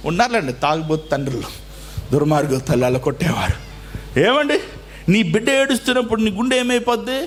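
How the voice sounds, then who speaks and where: Man, pastor, sermon, raised high voice, dramatic loud-soft swings, drawn-out stressed words.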